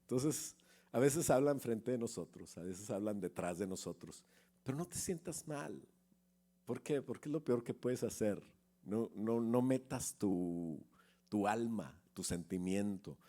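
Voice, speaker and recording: A middle-aged male pastor delivers a sermon in a lowish, mellow voice with lively intonation and a measured pace. He preaches conversationally, chatting with the congregation, asking them questions, and acting out little anecdotes.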